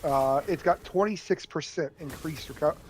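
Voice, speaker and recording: Mid-pitched gamer thinking aloud about loot. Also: moderate pace, low-quality recording. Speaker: co-op gaming partner. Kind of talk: casual gaming chat.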